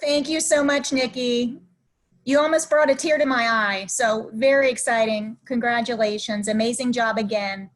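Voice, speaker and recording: A woman presents an award at a ceremony, reading prepared remarks in an upbeat way. Her voice sits a little high. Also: moderate pace, rough recording.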